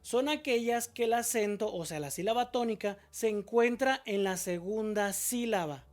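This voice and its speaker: In a mid-range, slightly mellow voice and at a moderate pace, a female teacher patiently leads a spelling lesson. She asks herself questions, answers them, and sounds out example words syllable by syllable.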